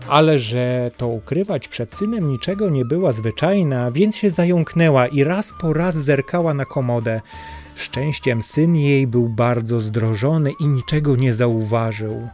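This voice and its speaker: A man calmly reading a fairy tale aloud as narrator. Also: medium pitch, measured pace, faint music behind. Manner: calm, storytelling.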